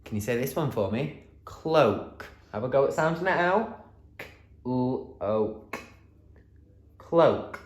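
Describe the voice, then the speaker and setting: A man teaching a phonics lesson to young children, in a sing-song, encouraging way with drawn-out, exaggerated sounds. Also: medium pitch, animated, roomy sound. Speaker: primary school teacher.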